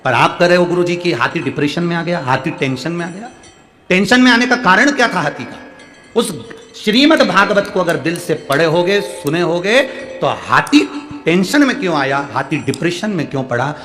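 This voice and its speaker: A preacher man with a higher voice. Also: lively intonation, normal speed, a bit bright, soft background music. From central India. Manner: urges the crowd to call back answers; answers listeners' letters with homely examples. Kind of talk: devotional sermon to a live crowd. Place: large outdoor stadium gathering.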